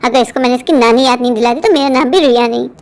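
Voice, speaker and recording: Brief: a strict lecturing colleague, fast-talking and shrill-high, played by a woman. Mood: scolding. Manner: scolding, lecturing. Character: strict bossy office woman, impatient. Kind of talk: cartoon voice acting.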